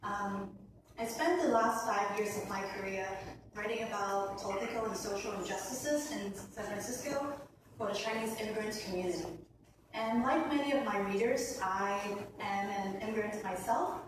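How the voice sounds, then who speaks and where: A woman's voice: mid-range voice, moderate pace. Woman from Hong Kong in her thirties, earnest event speech full of ums, echoey hall, distant mic, audible room noise. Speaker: new apprentice giving a speech.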